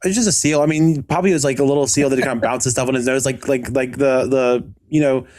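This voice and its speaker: A man's voice: mid-range voice, fairly even intonation, darkish tone, no echo, studio quality. Laid-back male podcast co-host. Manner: laid-back, halting, repeats words. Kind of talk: casual podcast chat.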